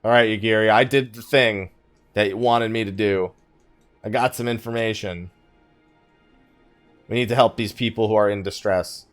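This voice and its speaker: With faint music behind him, a let's play host from YouTube muses through his game in a lowish, steady voice at normal speed. He leaves long pauses, and his thinking-aloud has a wry, conversational, casual feel.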